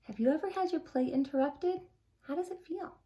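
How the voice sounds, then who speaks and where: A woman's voice: high-pitched, brisk, warm tone, highs cut off. A woman and preschool teacher reading a children's story aloud expressively and asking the listeners questions.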